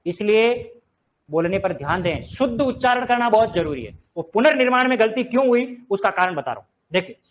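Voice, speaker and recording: High-voiced man teaching a lesson. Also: big pitch swings, fairly quick, a little hiss or hum. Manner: rhetorical questions and drilling students. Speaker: Hindi teacher. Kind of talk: classroom lesson.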